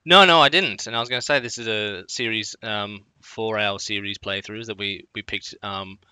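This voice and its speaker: A man's voice: lowish voice, moderate pace, sharp tone, clean tone, no room sound. A man co-hosting a casual let's play, talking in a rambling, chatty way. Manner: rambling, many fillers and restarts, chatty. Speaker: co-host. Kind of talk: casual gaming commentary.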